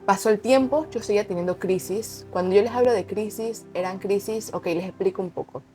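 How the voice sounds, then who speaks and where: A woman's voice: mid-range voice, brisk, a little mellow, faint music behind. A young woman telling her personal testimony in an unscripted, conversational way, earnest and repeating words for emphasis. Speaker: vlogger sharing a personal testimony.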